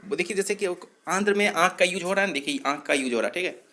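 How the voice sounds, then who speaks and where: His voice sits high, quick, pushed, and bright as he teaches an exam-prep lesson on mnemonics. Step by step, he poses questions to himself and answers them, repeats points, and corrects his own slips.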